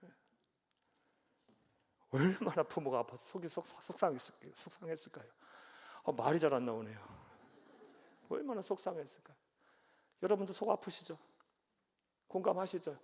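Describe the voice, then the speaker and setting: Emphatic Korean pastor in a reverberant hall. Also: male voice, a little high, lively intonation, normal speed, long pauses, a little mellow, slightly rough. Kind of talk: sermon. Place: church sanctuary.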